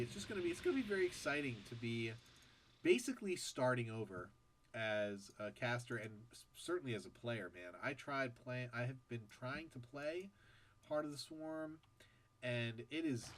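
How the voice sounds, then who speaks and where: Commentating a strategy game by himself, this esports caster chats casually between plays in a mid-range voice that's nasal and congested from a bad sore throat. The audio quality is poor.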